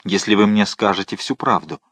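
A man voicing a vengeful man disguised as a monk, speaking slowly, hard and commanding. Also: fairly low pitch, fairly bright tone, slightly rough, no echo. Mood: probing.

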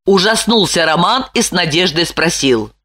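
A woman narrating an audiobook in an expressive way. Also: fairly low pitch, moderate pace. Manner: expressive, lively.

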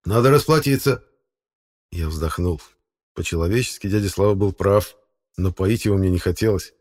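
A man reading a story aloud in steady first-person narration. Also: low-pitched, moderate pace, husky. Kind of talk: audiobook narration.

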